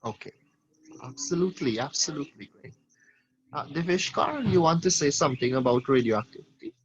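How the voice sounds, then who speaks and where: A man's voice: fairly high pitch, lively intonation, brisk, a crowd in the background. Man, teacher, online class, calls on students, dull lo-fi call sound. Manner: questioning, calls on students by name. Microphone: video call.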